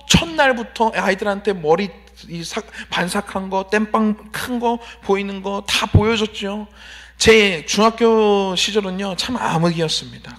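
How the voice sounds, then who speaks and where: A man preaching an evening church sermon, telling a personal story with emphatic pauses and rhetorical questions. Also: high voice, fairly bright tone. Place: church sanctuary.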